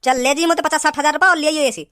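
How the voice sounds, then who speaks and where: A performer voicing a stingy, grumbling cartoon father, lower than their own voice. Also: steady tone, racing, very noisy, lightly acted.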